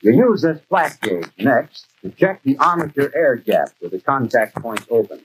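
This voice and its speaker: An American actor playing a brisk garage expert, giving didactic scripted instruction in a 1940s training film. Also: male voice, mid-range voice, big pitch swings, lightly acted. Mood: instructive. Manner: didactic, clearly explanatory. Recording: noisy 1940s film soundtrack.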